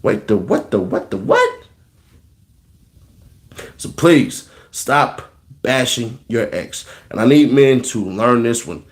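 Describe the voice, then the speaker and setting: A man's voice: mid-range voice, huge pitch swings, takes it slowly, long pauses. A man ranting about relationships in slangy, joking casual talk, repeating phrases for emphasis. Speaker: vlogger giving relationship advice. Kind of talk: casual comedic rant.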